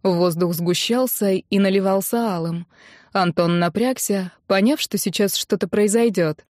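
A woman reading a novel aloud as an audiobook narrator, with a measured, even delivery. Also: medium pitch, dry recording, studio quality. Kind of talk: scripted narration.

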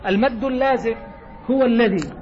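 A man teaching Quran recitation to a circle of students, quizzing them with short questions and reciting example verses slowly. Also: very high voice, darkish tone, a faint crowd. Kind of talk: classroom lesson explaining a didactic poem. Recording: dull lo-fi class recording.

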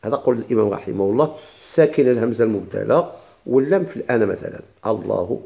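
A man with a Moroccan Arabic accent teaching a recitation class. He asks the class questions, answers them himself, and repeats words slowly with many restarts. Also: on the low side, expressive, creaky, dark tone. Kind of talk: classroom lesson explaining a text.

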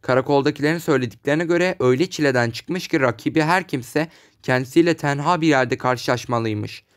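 A man reading aloud, voicing a matter-of-fact visiting official who reports news and gives a quiet warning. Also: medium pitch, fairly quick, clean tone, lightly acted. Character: male police visitor, measured and warning.

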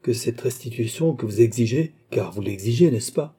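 A man's voice: medium pitch, lively intonation, normal speed, warm tone, husky. A man reading a proud, desperate cardinal. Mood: anxious pride. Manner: haughty yet anxious, pleading. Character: proud, distressed male cardinal prince in debt.

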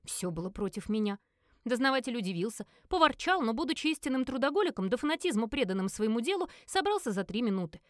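A woman narrating a first-person audiobook in a lively acted reading, briefly giving each character a voice. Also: fairly high pitch, fast, dry recording, clean studio sound.

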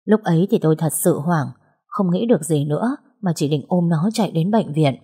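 A woman narrating a first-person audiobook story in a soft, steady storytelling manner. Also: lowish voice, brisk, slightly rough.

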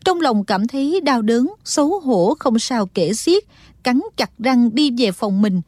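A woman reads a martial-arts audiobook in a steady, dramatic storytelling manner. Her voice sits fairly high and sounds close and dry, with no room around it. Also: unhurried, dry recording. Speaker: audiobook narrator. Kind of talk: dramatic scripted narration.

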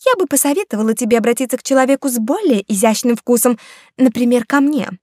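A woman voicing a sharp-tongued older noblewoman who scolds and speaks haughtily in an audiobook. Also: fairly high pitch, fairly quick, no room sound, studio quality, pitched above the performer's own voice, lightly acted. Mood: scolding.

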